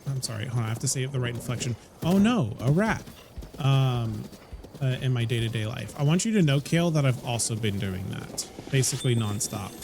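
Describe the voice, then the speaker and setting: A man's voice: mid-range voice, fast talker, background noise. A man casually chatting with his chat while streaming a game, laughing often and trailing off into restarts.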